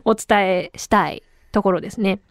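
A woman in her thirties hosting a casual solo podcast, chatty and animated, her voice a little tired from talking a lot. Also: medium pitch, no echo, clean studio sound. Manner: chatty and animated, with frequent laughs. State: tired voice from talking too much. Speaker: radio and podcast host.

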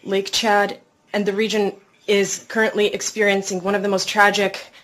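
Lady doing live interpreter voice, formal and measured, mid-pitched. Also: little pitch movement, a bit bright. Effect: live interpreter voice rendering a speech. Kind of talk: simultaneous interpretation of a formal speech.

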